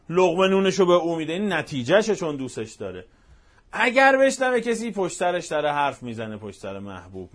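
Male preacher with a slightly high voice, emphatic storyteller, moves from soft to loud and fervent. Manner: swings between hushed and loud passionate delivery. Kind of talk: religious sermon.

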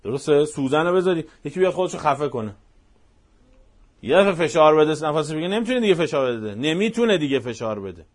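Impassioned preacher, a man with a raised pitch. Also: expressive. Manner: swings between hushed and loud passionate delivery; repetitive, emphatic storytelling. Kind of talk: religious sermon.

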